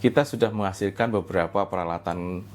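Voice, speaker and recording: A man's voice: sits low, brisk, a little hiss or hum. A man, a researcher guest explaining his work at length in a casual talk show conversation.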